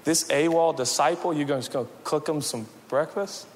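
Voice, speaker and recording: A man preaching a sermon as pastor, swinging from loud shouts to hushed, low passages. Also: a little fast, in a large hall, a little hiss or hum. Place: church sanctuary.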